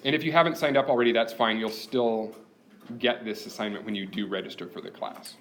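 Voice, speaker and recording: A man's voice: lowish voice, brisk, fairly bright tone, a little hiss or hum. Man lecturing a class step by step. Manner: explaining step by step, practical and chatty. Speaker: university instructor.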